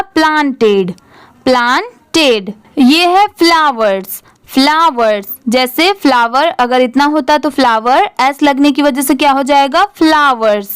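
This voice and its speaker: A high-voiced woman, recorded cleanly in a studio with no room sound, leads a slow spelling-based English reading lesson. She says every letter of a word, asks how it's read, then blends it and gives the answer herself.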